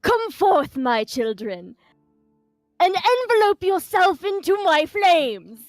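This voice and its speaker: Woman putting on a menacing, theatrical fiery summoner, pitched up. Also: sing-song, takes it slowly, dry recording, clean studio sound, soft background music, heavily acted. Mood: menacing, grand. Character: dark, menacing, fiery voice booming down a chimney.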